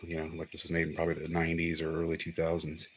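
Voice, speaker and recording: Talking very fast with completely flat delivery, a man whose pitch is extremely low presents some hobby electronics casually and without a script. He explains the technical specifics in a plain, matter-of-fact demo style.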